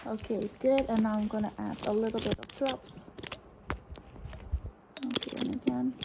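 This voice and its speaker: A young woman doing a fast ASMR role-play as an examining doctor, murmuring short, repeated phrases in a hurried way. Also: fairly high pitch, fairly even intonation. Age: young adult. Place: indoors, small room at home. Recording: clearly noisy close recording with clicks.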